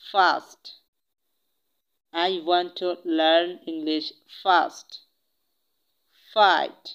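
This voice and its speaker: Bengali-accented pronunciation teacher; very slow, deliberate delivery; dull lo-fi recording. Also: mid-range voice, clear, resonant tone. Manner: slow, careful drilling of words and example sentences. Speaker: spoken English teacher. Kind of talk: pronunciation lesson.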